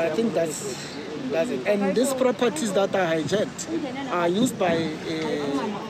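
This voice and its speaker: A South African man from a community policing forum, speaking earnestly in a street interview outdoors, hesitating and repeating words, through a face mask. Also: high voice. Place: outdoors on a busy city street. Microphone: camera mic, subject wearing a face mask. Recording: busy crowd noise behind.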